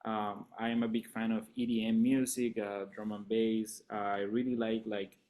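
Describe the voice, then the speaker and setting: A man from Colombia, a guest musician in a casual interview chat, relaxed and laughing often, talking with many fillers. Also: lowish voice, normal speed.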